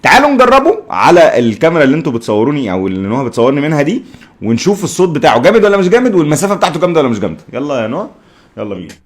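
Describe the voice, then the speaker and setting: A man's voice: fairly high pitch, big pitch swings, racing. A man with an Egyptian accent doing a casual, chatty gear review, repeating himself and talking to the people filming him. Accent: Egyptian Arabic. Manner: chatty, repeats himself, talks to the camera crew. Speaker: tech vlogger.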